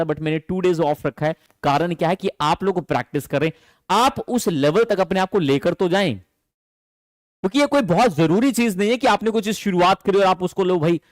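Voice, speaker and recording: A man teaching an online English class in Hindi, animated and affectionate, calling his students dear children. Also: fairly high pitch, no echo, studio quality. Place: teaching from home.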